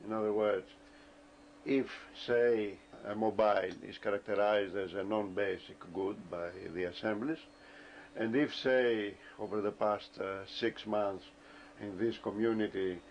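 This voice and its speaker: A man giving a deliberate explanatory lecture, often pausing with hesitations as he works through his points, on a dull lo-fi recording. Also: lowish voice, fairly even intonation. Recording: dull lo-fi recording with faint ambient noise.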